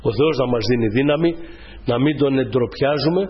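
A man's voice: mid-range voice, highs cut off. A middle-aged man preaching a sermon to his congregation, emphatic and repeating his key phrases.

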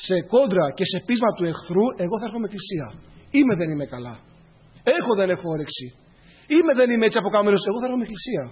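Male preacher, high husky voice, repeats lines for emphasis, dull lo-fi recording. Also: sing-song. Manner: addresses the congregation as brothers, tells personal stories. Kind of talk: sermon.

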